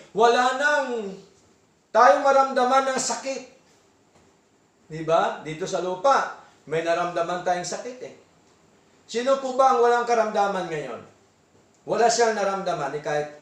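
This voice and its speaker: A man with a Filipino accent preaching a sermon in a church, asking the congregation for assent and reading verses slowly. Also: sits high, fairly bright tone, reverberant, recorded from a distance. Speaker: pastor. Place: church hall.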